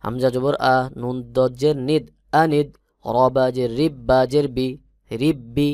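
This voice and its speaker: Man spelling and chanting syllables, crisp and dry. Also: medium pitch, fairly even intonation, no room sound. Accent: Bangladeshi Bengali. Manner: spells syllables slowly, then recites them in a slow chanted melody; explains rules in quick, soft speech. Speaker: Quran teacher. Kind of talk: Quran recitation lesson, spelling letters aloud.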